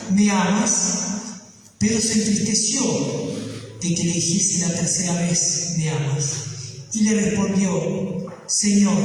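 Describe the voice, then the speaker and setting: A man preaching a sermon in a church, slow and emphatic with dramatic pauses. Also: high voice, a little mellow. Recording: echoey church hall from far off.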